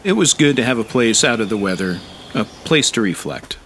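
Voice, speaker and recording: A man's voice: fairly low pitch, lively intonation, moderate pace, a bit bright, a little hiss or hum. A middle-aged American man giving a reflective, scripted narration of his own story. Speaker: motovlog narrator. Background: guitar music.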